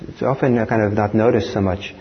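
A man from Norway giving a dharma talk as a meditation teacher, speaking in a reflective, measured way. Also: on the low side, fairly even intonation. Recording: dull lo-fi talk recording with faint hiss.

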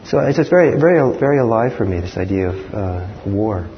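A man from Norway giving a dharma talk as a meditation teacher, speaking in a reflective, measured way. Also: lowish voice, lively intonation. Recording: dull lo-fi talk recording with faint hiss.

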